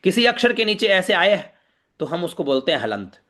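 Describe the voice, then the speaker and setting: Male teacher with a high voice, patient step-by-step pronunciation drills. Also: big pitch swings, a bit bright. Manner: repeats sounds slowly to demonstrate, checks in with listeners. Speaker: Vedic recitation teacher. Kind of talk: demonstration lesson on pronunciation.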